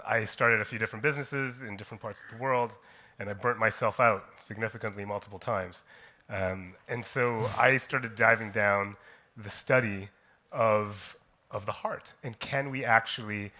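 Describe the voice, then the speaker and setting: Man from Kenya, low voice, forceful tone, slow storytelling conference talk. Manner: slow, deliberate, with many "um"s. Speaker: conference speaker, company co-founder. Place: conference stage.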